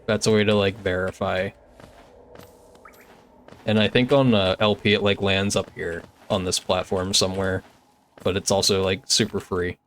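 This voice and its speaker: Easygoing young man streaming, lower voice. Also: little pitch movement, normal speed, long pauses, fairly bright tone, slight background noise. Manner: chatty and easygoing, many filler "like"s. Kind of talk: casual gameplay commentary, reading chat.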